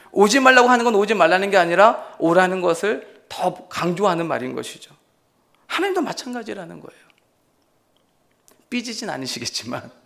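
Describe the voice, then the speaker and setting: A man's voice: fairly high pitch, gravelly. A man, an associate pastor, preaching a sermon emphatically and asking his congregation rhetorical questions.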